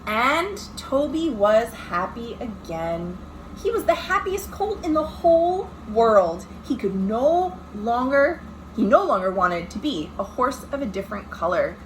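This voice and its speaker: Her voice fairly high and swinging widely in pitch, a children's librarian reads a picture book to young listeners at a measured pace with dramatic emphasis. This storytime was recorded at home, indoors, on noisy amateur equipment.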